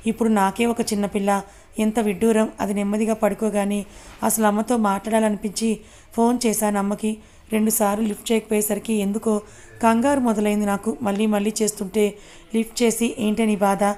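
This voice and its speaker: Woman narrating in a flat, even voice. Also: mid-range voice, fairly quick. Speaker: audiobook narrator. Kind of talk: first-person story narration.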